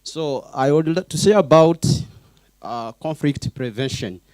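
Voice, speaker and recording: A man's voice: fairly high pitch, animated, a little slow, a little mellow, no room sound. A man from Burundi, director of a local NGO, making a brief, earnest statement at a panel. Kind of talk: panel contribution.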